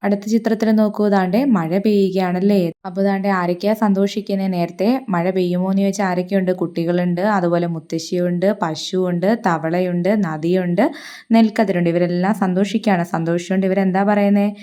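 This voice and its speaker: Patient woman teacher, slow and warm. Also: medium pitch, steady tone. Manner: slow, patient, asks questions and answers them herself. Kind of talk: explaining a picture lesson to young children.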